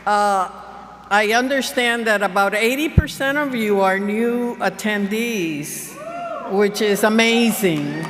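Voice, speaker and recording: Slow-paced woman speaker, emphatic and rallying; reverberant convention hall with crowd murmur behind. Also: a little high, noisy background. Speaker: keynote speaker. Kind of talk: convention speech.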